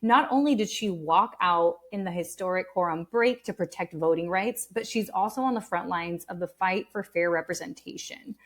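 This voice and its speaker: Podcast-Moderatorin mit schwungvoller, betonter Sprechweise. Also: female voice, lowish voice, normal speed, few pauses. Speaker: podcast host and coach. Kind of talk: scripted podcast introduction.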